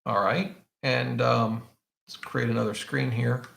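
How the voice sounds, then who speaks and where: Gravelly man answering viewer questions live. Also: mid-range voice, fairly even intonation, measured pace, fairly bright tone, echoey room. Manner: conversational, thinks aloud with frequent restarts. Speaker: finance channel host answering viewer questions. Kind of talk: live Q&A, casual explanation.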